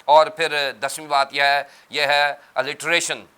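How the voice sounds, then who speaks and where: Bright, clear-voiced male pastor teaching. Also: fairly high pitch, little pitch movement. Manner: teacherly, explaining terms step by step. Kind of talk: religious TV panel discussion.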